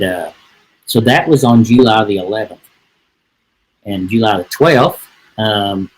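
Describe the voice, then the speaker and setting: This is a middle-aged man whose voice sits on the low side, captured in low-quality audio. As a real estate agent guesting on a podcast, he casually rambles through a homespun story, often restarting with "and, uh."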